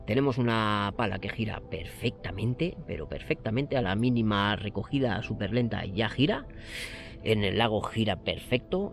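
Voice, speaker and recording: A fairly low-voiced man in his forties talks eagerly beside a mountain lake, recorded outdoors on an action camera. He hosts a casual fishing vlog and exclaims often, with faint music behind him. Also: creaky. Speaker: fishing channel host. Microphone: action camera, close framing.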